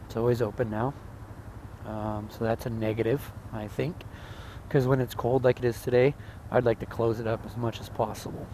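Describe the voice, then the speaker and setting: A man's voice: medium pitch, little pitch movement, normal speed, warm tone, low-quality recording. Man talking inside a helmet, road noise. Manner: talking from inside a motorcycle helmet while riding. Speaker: motorcycle vlogger reviewing gear. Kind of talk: casual chat, spoken review. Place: outdoors on a moving motorcycle. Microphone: mic inside a helmet. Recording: helmet mic with clear traffic and vehicle noise. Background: vehicle and road noise.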